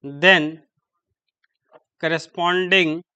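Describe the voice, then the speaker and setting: A man giving a classroom lecture, halting and repeating terms as he writes on the board. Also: on the high side, steady tone, sharp tone, clean tone, muffled recording.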